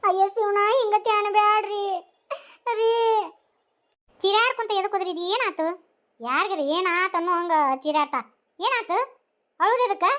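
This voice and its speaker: A woman's voice: very high voice, moderate pace, pauses often, fairly bright tone. A woman voicing a wailing village wife and a grieving mother-in-law in a cartoon, lamenting with a North Karnataka Kannada accent. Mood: distraught. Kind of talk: cartoon voice acting.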